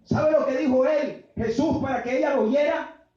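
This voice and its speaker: A man preaching a fervent sermon, building to shouts, with his congregation called to answer. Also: extremely high pitch, normal speed. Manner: fervent call-and-response preaching, often shouting. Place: church sanctuary. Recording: very echoey, muffled church PA sound.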